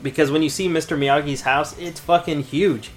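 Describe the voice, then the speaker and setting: A man's voice: fairly high pitch, fairly even intonation, moderate pace. A man in his thirties co-hosting a podcast, chatting casually about a movie, laid-back and profane, often laughing. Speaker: podcast co-host.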